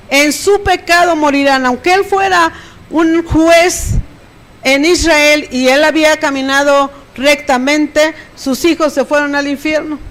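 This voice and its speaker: A woman's voice: high voice, poor audio. Mexican woman pastor preaching a sermon. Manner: keeps checking in with the congregation through rhetorical questions.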